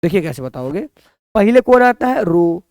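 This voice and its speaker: A man's voice: high voice, sing-song, normal speed, gravelly, darkish tone, no echo, clean studio sound. A man teaching a maths lesson, who keeps asking the students questions and answering them himself.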